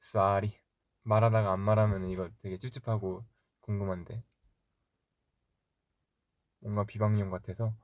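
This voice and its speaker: A man's voice: fairly low pitch, flat delivery, no echo, narrow, tinny audio. A young man in his twenties chatting casually on a livestream, answering fan comments with easy laughs and rambling stories. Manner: chatty, rambling, quick laughs, talks softly to himself. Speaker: idol livestream host.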